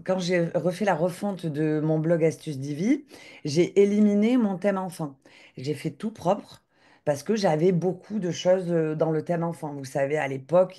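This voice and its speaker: Woman doing a live demo on a call, soft mellow voice, lots of "euh", keeps restarting. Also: fairly low pitch. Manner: hesitant, many filler sounds and restarts. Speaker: web designer giving a live software demo. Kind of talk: live screen-share demo over a video call.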